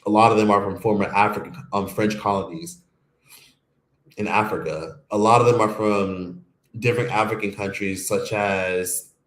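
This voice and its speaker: A man's voice: on the low side, fairly even intonation, moderate pace. A man from the United States hosting a stream, giving a casual, profane, rambling opinion monologue. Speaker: streamer host. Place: home streaming setup. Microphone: streaming microphone. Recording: echoey room.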